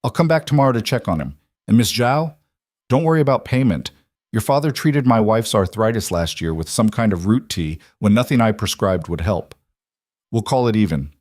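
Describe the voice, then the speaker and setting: A man voicing a grave, kindly country doctor who speaks quietly, steadily and firmly, as an audiobook character. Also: lowish voice, animated, normal speed, dry recording, studio quality, close to an everyday voice. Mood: gently firm.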